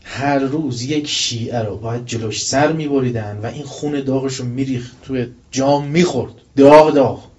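Man, religious lecture, storytelling, slow recited verses, muffled lo-fi sound. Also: mid-range voice, fairly even intonation, darkish tone. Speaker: preacher. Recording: dull lo-fi recording.

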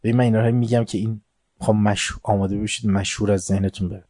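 Man, low mellow voice, religious lecture, storytelling with recited Arabic, soft asides and emphatic points, dry close sound. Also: flat delivery, no echo. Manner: retells stories with quoted dialogue and recited Arabic, swinging from soft to emphatic. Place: room before a seated audience.

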